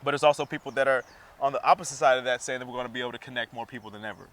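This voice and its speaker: Male co-host, casual, bright and forceful, keen to explain. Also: mid-range voice, very fast. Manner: enthusiastic, explanatory, laughs easily. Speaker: podcast co-host. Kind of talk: casual chat.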